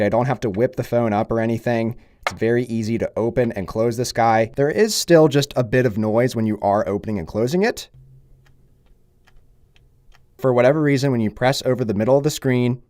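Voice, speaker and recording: A man's voice: medium pitch, a little mellow, dry recording. A man giving a casual, upbeat product review in a conversational, approving way. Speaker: tech reviewer.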